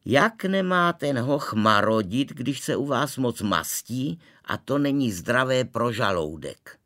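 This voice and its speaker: A man reading a storybook aloud, voicing a fussy, preachy middle-aged aunt in a thin, shrill, indignant voice. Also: lively intonation, pushed and bright. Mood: scolding.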